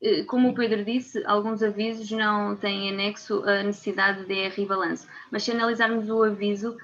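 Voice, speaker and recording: A woman with a European Portuguese accent, a consultant giving measured, explanatory answers in a webinar. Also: medium pitch, flat delivery, fairly bright tone. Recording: dull lo-fi webinar audio.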